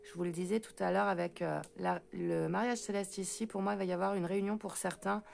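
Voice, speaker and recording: A woman with a French accent doing a spoken card reading for viewers. She talks fast, trips over her words and fills pauses with hesitant sounds. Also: medium pitch, fairly even intonation, creaky, a little mellow, a little hiss or hum. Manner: talks fast and stumbles, many hesitant fillers. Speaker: intuitive card reader.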